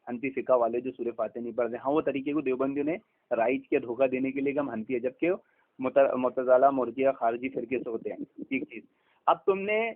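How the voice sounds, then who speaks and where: A man with an Indian Urdu accent in a heated religious debate, lecturing and accusing his opponent. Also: mid-range voice. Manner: accusing, lecturing, cites scholars. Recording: tinny phone line.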